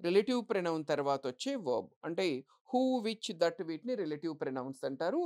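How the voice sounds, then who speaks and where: A woman's voice: deep voice, very animated, dark tone. A woman teaching English grammar for exams, asking the class questions and answering them herself. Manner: reads English example sentences slowly and deliberately. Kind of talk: exam-prep grammar lesson.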